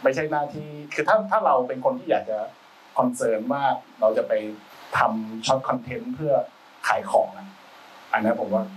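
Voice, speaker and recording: A man's voice: medium pitch, a little slow. A man talks shop as a guest speaker in a loose, rambling, slangy way, often restarting his sentences. He sits a little back from the mic. There is a faint hiss of noise in the room. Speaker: film sound designer, guest speaker. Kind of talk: casual talk-show conversation. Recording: voice a bit far from the mic, faint background noise.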